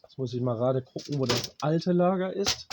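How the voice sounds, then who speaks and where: Over a very noisy recording, a medium-pitched man with a German accent and a cold explains a dryer repair. The appliance repairman is blunt and plain-spoken, cursing cheap gear, coughing, and pausing to talk to himself while checking parts.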